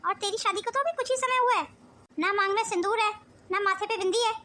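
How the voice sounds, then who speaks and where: A woman playing a loud, scolding elder sister-in-law with a domineering temper in a family melodrama. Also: very high-pitched, fast talker.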